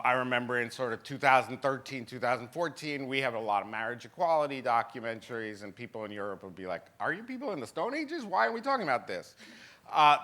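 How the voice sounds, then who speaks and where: A man in his fifties, a film distributor speaking on a festival panel, animated, laughing often and restarting sentences. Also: mid-range voice. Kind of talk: panel discussion. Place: festival symposium panel stage.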